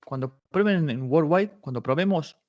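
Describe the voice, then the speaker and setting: A man's voice: a little high, animated, normal speed. Man teaching a search tutorial, muffled sound. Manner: explains step by step, thinking aloud with many restarts. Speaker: workshop instructor. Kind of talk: live online patent search tutorial.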